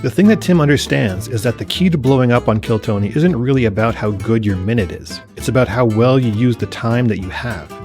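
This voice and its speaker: Male narrator for a video essay, even explanatory delivery, faint guitar under it. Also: mid-range voice, fairly quick, hardly any pauses.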